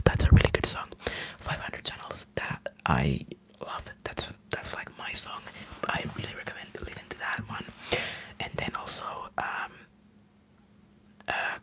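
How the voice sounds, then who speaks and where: Whispering softly, a man from Finland who speaks Finnish natively rambles with eagerness during an ASMR live stream. The audio quality is poor.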